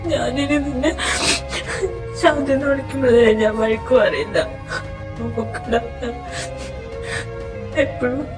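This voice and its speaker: A woman's voice: on the high side, distant mic, close to an everyday voice. A woman voicing a young man who sobs and pleads over his dying lover, in a fan audio drama. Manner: sobbing, pleading, broken.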